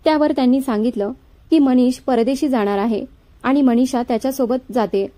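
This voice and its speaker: A woman narrating a dramatic story in a measured, even storytelling manner. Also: high voice.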